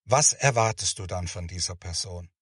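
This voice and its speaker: A man voicing a patient female children's teacher in a storybook reading, calm and instructive. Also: low voice, moderate pace, slightly rough, dry recording, clean studio sound, pitched below the performer's own voice.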